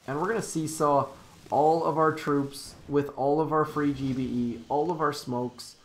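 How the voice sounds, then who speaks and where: A man's voice: mid-range voice, slight background noise. A man live-streaming a strategy game, giving casual, upbeat, rambling commentary, correcting himself and cheering on his troops aloud.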